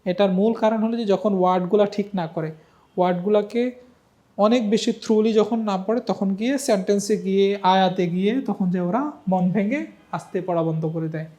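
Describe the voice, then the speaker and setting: A man teaching a Quran reading lesson, slowly spelling out Arabic syllables one at a time and explaining in plain, casual speech with English words mixed in. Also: high-pitched, mellow.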